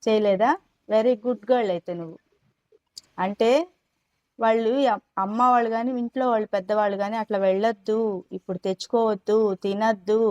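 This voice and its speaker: A woman's voice: mid-range voice, fairly even intonation, brisk, long pauses, a little mellow, muffled recording. Patient woman teacher coaxing young pupils. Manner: patient, coaxing, asks children many questions; mimics whiny children's talk when quoting. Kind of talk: teaching children in a live class.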